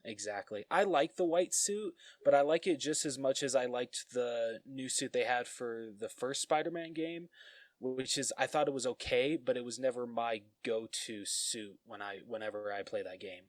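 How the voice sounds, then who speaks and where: A man co-hosting a relaxed podcast, rambling a little as he talks and laughing at himself. His voice sits at an ordinary pitch and is recorded dry and close, with no room around it. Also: normal speed, no echo. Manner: rambling, self-deprecating, laughs often. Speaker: podcast co-host. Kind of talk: casual chat.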